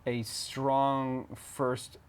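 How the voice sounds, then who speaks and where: A man's voice: mid-range voice, little pitch movement, drawn-out words, clean tone. A man in a casual conversational debate, giving firm opinions and repeating words for emphasis.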